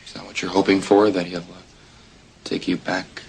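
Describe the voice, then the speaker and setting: Deep-voiced sarcastic young man. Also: completely flat delivery, vocal fry, slight background noise, poor audio. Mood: wry, concerned. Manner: dry, sarcastic, halting with fillers. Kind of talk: 1980s television soap opera acting.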